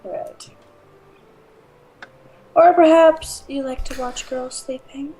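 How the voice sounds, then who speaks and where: Girl reading as a spacey deadpan schoolgirl from a visual novel, high voice, blunt and flat. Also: slow, low-quality recording. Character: deadpan, dreamy armless teenage schoolgirl.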